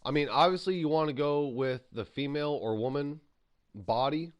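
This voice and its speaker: A gaming channel host with a slightly high voice talks at a moderate pace, and the recording's highs are cut off. Between bites and moves in the game, he rambles through opinionated, animated commentary.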